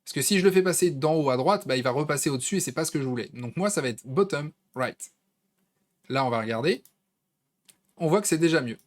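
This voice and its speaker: A man's voice: a little high, lively intonation, fairly quick. A man with a French accent walking viewers through a design tool in a casual, conversational screen-recorded tutorial, with plenty of fillers. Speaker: tutorial host.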